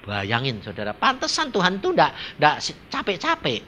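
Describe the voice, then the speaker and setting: Lively preacher. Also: male voice, fairly high pitch, moderate pace, slight background noise. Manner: lively, dramatic, swings between loud and hushed. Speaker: evangelist preacher. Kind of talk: animated storytelling sermon.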